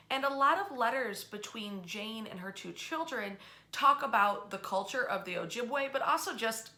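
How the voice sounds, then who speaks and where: Speaking in a sharp, mid-range voice, this woman tells history informally to viewers online as a storyteller and tour club host. Her delivery is conversational, enthusiastic and emphatic, and the room sound is roomy and echoey.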